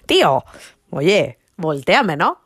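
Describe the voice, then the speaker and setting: A woman putting on a Spanish accent to voice a cheerful male saint who jokes calmly. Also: fairly low pitch, takes it slowly, husky, dry recording, studio quality, heavily acted. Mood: amused. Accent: Spanish from Spain (put on). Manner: jokey, amused, casual.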